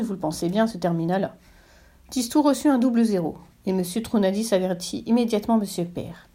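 A woman reading a children's novel aloud in a steady, expressive storybook style. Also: medium pitch. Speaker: narrator.

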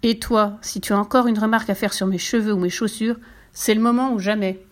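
A woman's voice: mid-range voice, fairly even intonation, brisk, close to an everyday voice. A woman voicing a cheeky, cheerful, fearless little girl in a storybook reading, bubbly and boastful. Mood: mocking.

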